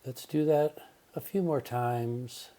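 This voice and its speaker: This man, a yoga nidra teacher, guides a relaxation meditation with gentle, calm speech. His pitch is medium, and his pauses are unhurried.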